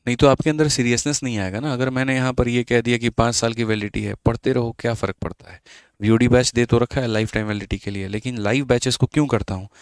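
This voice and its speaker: A man's voice: mid-range voice, fairly even intonation, quick pace, smooth, no echo. A man teaching maths in a live online exam-prep class, chatty and scolding his students, mixing English terms into his talk.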